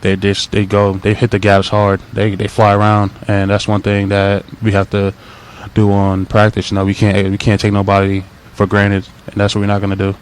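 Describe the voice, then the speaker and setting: A young man in his twenties, a college football player answering media questions in a halting, soft-spoken way with many fillers. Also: on the low side, monotone. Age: 20s. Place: press availability.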